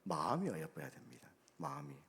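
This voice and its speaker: A man's voice: extremely low pitch, wildly swooping pitch, a little fast, gravelly. Pastor guy preaching in a church, voice jumps all over, long hall reverb. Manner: emphatic preaching with sharp swings in loudness, acting out quoted voices. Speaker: guest pastor. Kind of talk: sermon. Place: church sanctuary.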